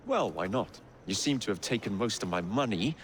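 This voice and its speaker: An actor playing a cocky, joking young Victorian gang leader in a game cutscene, with an English accent and a wry, teasing manner. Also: male voice, on the low side, animated, normal speed, slight background noise, natural voice. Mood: sardonic. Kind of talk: video game cutscene acting.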